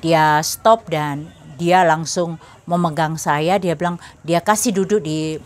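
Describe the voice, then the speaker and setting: A woman's voice: deep voice, steady tone, slow pace. Earnest middle-aged woman sharing a testimony. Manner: earnest storytelling, addressing listeners as brothers and sisters. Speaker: testimony speaker. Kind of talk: personal faith testimony.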